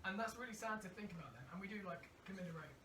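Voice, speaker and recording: A man leads a loose group discussion, keeping it moving. He talks fast and picks up the next topic when the talk drifts. He sounds distant in a roomy space with steady noise behind him. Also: sits high. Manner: chatty, steers the discussion. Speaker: podcast host. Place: room with several friends. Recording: echoey room, distant mic, noisy.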